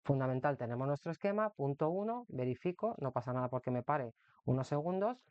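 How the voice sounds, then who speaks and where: A man's voice: medium pitch, expressive, fairly quick, a little mellow, clean tone, dry recording. A man from Spain, explaining public speaking tips in a recorded lesson, often adding rhetorical questions. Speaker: course instructor for teacher exam candidates. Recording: dry, dull lo-fi recording.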